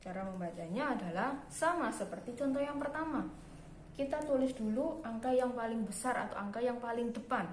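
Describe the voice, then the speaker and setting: A young woman teacher with a fairly high, slightly mellow voice patiently walks through a primary school math lesson step by step. She explains slowly and often says "nah." The room is echoey, with background noise.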